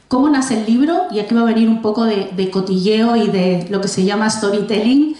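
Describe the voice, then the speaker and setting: She speaks a little fast, her medium-pitched voice carrying a dark tone. In a very echoey library room, this forties-aged Argentinian author introduces her first book to the gathered audience, chatting along with frequent restarts and asides.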